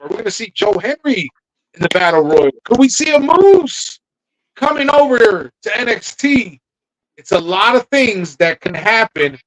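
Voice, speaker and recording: A man's voice: high-pitched, fairly bright tone, poor audio. A man co-hosting a casual podcast, thinking aloud, trailing off and restarting his sentences. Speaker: podcast co-host. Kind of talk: casual wrestling chat.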